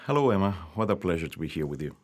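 Man from Chile, deep voice, earnest, halting with fillers, dry close sound. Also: sing-song, a little mellow, no echo. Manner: earnest, with frequent fillers and restarts. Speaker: guest. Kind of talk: podcast interview.

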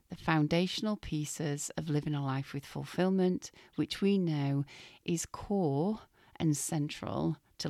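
Speaking slowly and gently in casual spiritual podcast talk, the host is a low-voiced woman whose voice is still healing and at times fades to a whisper. The recording is dry and intimate, with no room sound around her.

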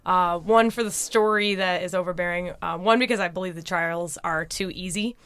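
A woman's voice: fairly low pitch, moderate pace, a bit bright, smooth, no echo. Woman podcast co-host, playful, dry sound. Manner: playful, laughs easily. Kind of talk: casual podcast chat.

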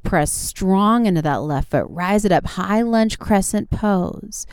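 A woman's voice: mid-range voice, expressive, slow, darkish tone, clear, resonant tone, no echo, studio quality. A woman teaching a guided yoga class as an instructor, giving short, encouraging step-by-step cues. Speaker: yoga instructor and show host.

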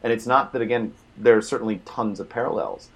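Husky low-voiced man, dry sarcasm. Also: quick pace, a bit bright. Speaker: podcast co-host. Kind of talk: casual chat.

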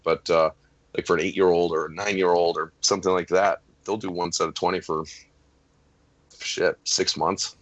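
Deep-voiced man, losing his voice. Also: no room sound, dull audio. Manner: rambling, many fillers. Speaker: strength coach, panel guest. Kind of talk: casual panel discussion.

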